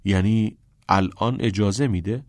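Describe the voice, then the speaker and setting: A man's voice: fairly low pitch, darkish tone, no echo, natural voice. A man voicing a shy, defensive teenage schoolboy who grows reluctant and then flares up, in an audiobook reading. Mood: doubtful.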